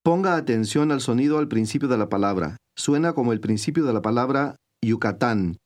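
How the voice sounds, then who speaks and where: A man giving scripted instructions in a recorded language course, speaking in a clear, measured teacher's manner. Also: mid-range voice, lively intonation.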